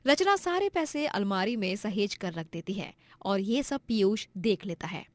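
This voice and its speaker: A woman narrating an animated moral story in a steady scripted way. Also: mid-range voice, moderate pace, no echo.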